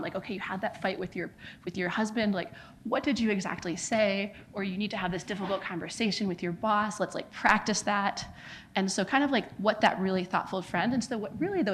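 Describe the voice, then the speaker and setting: At a conference venue, an American woman from the United States gives an earnest talk as the founder of a charity, her mid-range voice peppered with fillers like "kind of" and "like." There's slight background noise.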